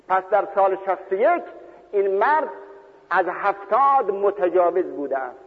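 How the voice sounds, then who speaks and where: A man telling a religious story as a sermon, rising to loud impassioned cries when he quotes the figures. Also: fairly high pitch. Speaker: preacher. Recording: tinny phone-like old radio broadcast with long reverb.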